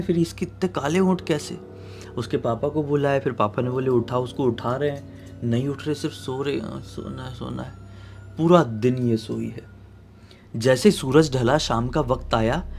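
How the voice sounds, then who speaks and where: Telling a horror story in a casual, dramatic style, a man with a mid-range voice alternates between loud outbursts and quiet, hushed passages.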